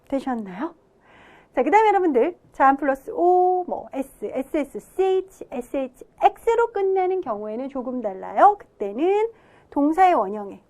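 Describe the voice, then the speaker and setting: A woman's voice: high voice, darkish tone. A woman teaching an English grammar lesson, explaining step by step and asking questions that she then answers herself. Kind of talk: classroom grammar lecture.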